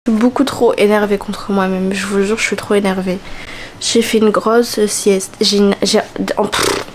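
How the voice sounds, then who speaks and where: A young woman from France, eighteen, chatting casually to her viewers at home in an animated, self-mocking way. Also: mid-range voice, normal speed, slight background noise. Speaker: vlogger. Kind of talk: casual vlog chat to camera. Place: home, indoors. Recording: music playing clearly behind.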